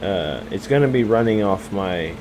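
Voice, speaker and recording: A man's voice: fairly low pitch, lively intonation, normal speed, background noise. A young American man chatting casually on a live game stream, rambling and hesitant with many fillers and self-corrections. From United States.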